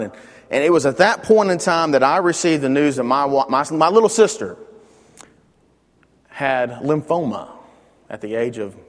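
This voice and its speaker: Speaking loudly and emphatically into a microphone, a medium-pitched man leads a Bible lesson in a church classroom and keeps restarting his words. The room leaves a long reverb tail.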